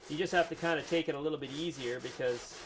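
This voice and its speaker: A man's voice: on the high side, quick pace. A man giving a casual woodworking tutorial in his workshop, talking easily while he files and sands. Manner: relaxed, talks while working with tools. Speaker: woodworking instructor. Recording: workshop noise under the voice.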